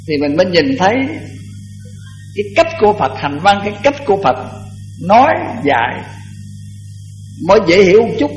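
Older monk, echoey hall. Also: male voice, sits high. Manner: folksy, repeats words, chants verse. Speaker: Buddhist monk giving a dharma talk. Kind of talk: sermon. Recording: echoey hall, dull lo-fi, faint music.

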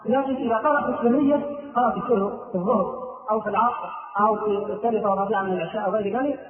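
A man's voice: high-pitched, racing. A man with an Egyptian Arabic accent, a sheikh giving a religious lesson on prayer. He explains step by step and often sings out the phrases he corrects. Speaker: sheikh teaching prayer rules. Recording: echoey, distant, tinny phone-like sound.

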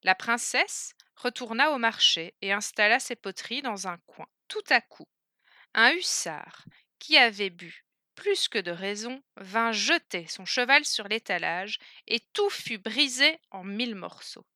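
Bright-voiced woman telling a fairy tale. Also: fairly high pitch, animated, a little slow, no echo, clean studio sound. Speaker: narrator.

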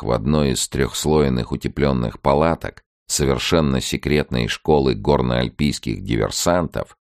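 A male audiobook narrator with a very deep, gravelly voice reads scripted narration, recorded clean in a studio with no room sound.

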